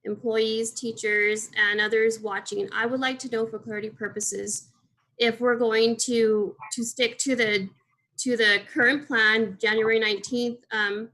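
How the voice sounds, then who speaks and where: A woman's voice: a little high, flat delivery, a little slow, pushed and bright, low-quality recording. A woman school board trustee at a board meeting, asking formally and repeating words as she goes.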